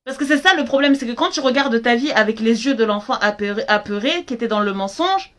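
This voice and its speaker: Earnest woman coach, higher voice. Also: animated, quick pace, a bit bright. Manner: earnest, emphatic, acts out her parents' lines in dialogue. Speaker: life coach. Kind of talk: live stream talk.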